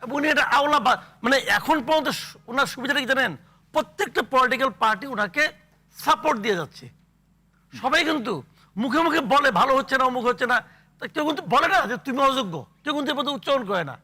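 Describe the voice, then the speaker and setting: An older man giving blunt, scornful political commentary on a talk show, with halting restarts. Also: extremely high pitch, pushed and bright.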